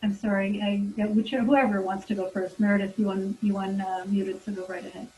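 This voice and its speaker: A woman's voice: medium pitch, little pitch movement, fairly quick, darkish tone, low-quality recording. A woman moderating a candidate forum over a video call, polite, with hesitant fillers. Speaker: host and moderator.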